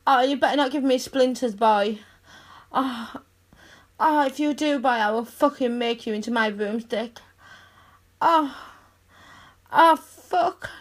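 A woman performing a scripted roleplay monologue in a teasing, commanding, dominant manner, with breathy sighs. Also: on the high side.

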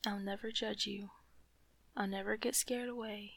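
A woman in an ASMR comfort roleplay, speaking softly and soothingly to a loving partner, often slipping into whispers close to the mic. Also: medium pitch, steady tone, normal speed, creaky, no room sound.

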